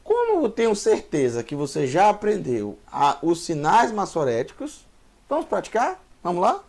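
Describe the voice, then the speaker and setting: A man's voice: high voice, wildly swooping pitch, moderate pace, darkish tone. A man teaching a Hebrew lesson, patiently repeating each letter sound and encouraging the learner. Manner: encouraging, asks the viewer questions. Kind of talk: online language lesson.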